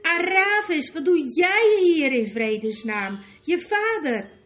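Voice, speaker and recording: A woman reading an audiobook voices a vain, giggly young noblewoman with a slow drawling voice. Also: high-pitched, lively intonation, soft background music. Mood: shocked. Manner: chatty, loud, giddy. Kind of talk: audiobook character voice.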